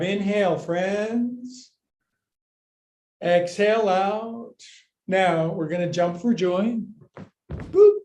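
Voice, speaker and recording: A man's voice: sits high, a little mellow. A man teaching a live yoga class, cueing moves with playful jokes and counts. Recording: echoey room.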